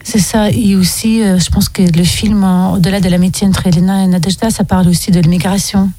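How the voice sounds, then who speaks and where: A woman's voice: medium pitch, fairly even intonation, brisk, mellow, dry recording. A young woman from Russia, a film director, answering radio interview questions with many hesitant ums.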